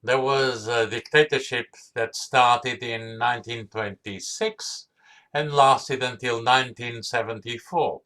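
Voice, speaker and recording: A man in his seventies from Portugal with a Portuguese accent touched by Australian English, giving a measured talk full of memories and pauses. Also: mid-range voice, fairly even intonation, pushed and bright. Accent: Portuguese with Australian tones. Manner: slow, measured, with hesitations. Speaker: guest speaker. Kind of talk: storytelling talk.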